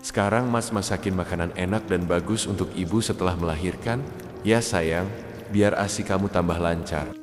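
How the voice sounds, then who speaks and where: A man voicing a sweet, affectionate young husband and new father in an animated drama. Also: deep voice, moderate pace, faint music behind, close to an everyday voice.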